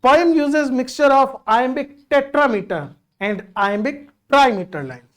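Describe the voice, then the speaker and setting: A woman teaching literature, explaining a poem patiently and counting out syllables, switching between Hindi and English. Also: a little high.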